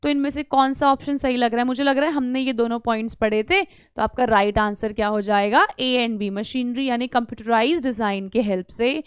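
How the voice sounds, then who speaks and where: A woman teaching an English exam lesson online, mixing Hindi and English and coaxing students with quick questions. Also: fairly high pitch, clear, resonant tone, no echo, clean studio sound.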